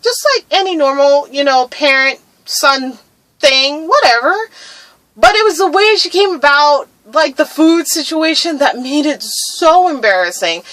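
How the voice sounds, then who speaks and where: A woman's voice: high-pitched, animated, measured pace, a bit bright, no echo. A young woman telling an indignant story in an unedited rant, swearing and laughing as she talks. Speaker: vlogger.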